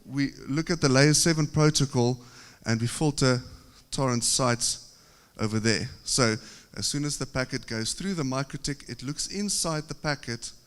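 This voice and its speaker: At a podium microphone, a man with a South African accent presents a technical talk in a steady, explanatory way, now and then pausing on fillers. His voice is smooth and mid-pitched, and a large conference hall's long reverb trails each phrase.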